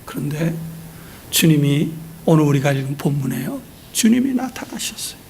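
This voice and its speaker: A man from Seoul preaching a folksy storytelling sermon, swinging between loud and hushed. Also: fairly high pitch, sing-song, moderate pace, creaky, slight background noise. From Seoul, South Korea. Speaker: pastor.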